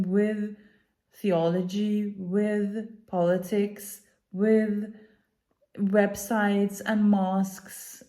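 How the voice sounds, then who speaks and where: Here an Iranian-born woman who grew up in Denmark gives unscripted commentary to the camera, an activist speaker sharing her views. Her mellow voice stays at medium pitch while she pauses haltingly, stresses words deliberately, and sounds earnest throughout.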